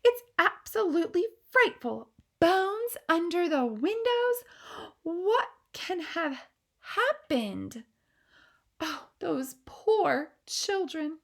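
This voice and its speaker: A woman narrating a storybook shifts into the voice of an elderly queen who is grand and easily startled. She pitches it high in a full character voice, sing-song and a little slow. The speech comes out refined, exclamatory, and posh, with an air of alarm.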